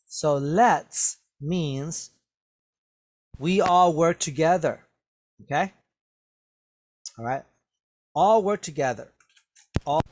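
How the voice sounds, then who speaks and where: A man's voice: a little high, a little mellow, slight background noise. A man teaching English, reading a story aloud to students and explaining the words, patiently repeating each one several times into a webcam.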